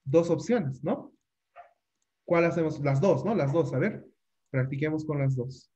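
A man's voice: a little high, a little slow, warm tone, slightly rough, dull audio. A man teaching an online English class in Spanish. He is patient, repeats each phrase and keeps checking with the students.

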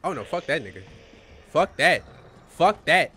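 A young man giving profane, excitable let's-play commentary while talking back to the game's characters. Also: on the high side, a little slow, slight background noise. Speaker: gamer playing a horror game.

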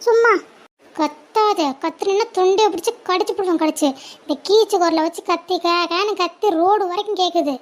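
A woman playing a scolding mother of two girls in a family drama, nagging sharply and without pause. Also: very high voice. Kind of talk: family drama role-play.

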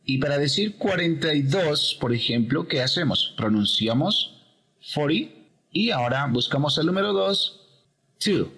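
A man's voice: a little high, lively intonation, measured pace, a bit bright, husky, long reverb tail. A man teaching English pronunciation, patiently explaining step by step.

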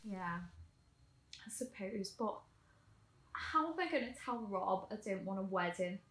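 A woman's voice: medium pitch, lively intonation, a little slow, fairly bright tone, roomy sound. A young woman playing a wry, guilt-ridden bride-to-be in a comedy short, on a video call. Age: young adult. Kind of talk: comedy short film acting.

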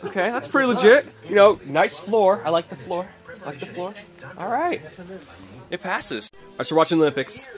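Holding his camera at arm's length, a young vlogger jokes his way through a basement and then out onto a snowy nighttime street. His voice is high and a little fast, swinging widely in pitch as he narrates with chatty enthusiasm.

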